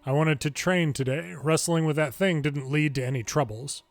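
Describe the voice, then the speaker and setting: A man hosts a game video, reading the story dialogue and subtitles aloud in an informal, amateur way and tossing in casual asides. His voice is fairly high, his pace moderate, and faint music plays behind him.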